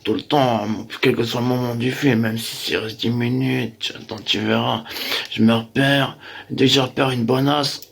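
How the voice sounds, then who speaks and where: Gravelly, husky boastful man. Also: medium pitch, steady tone, normal speed. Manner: boastful, rambling with many fillers. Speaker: comic playing a crude braggart. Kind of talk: comic monologue.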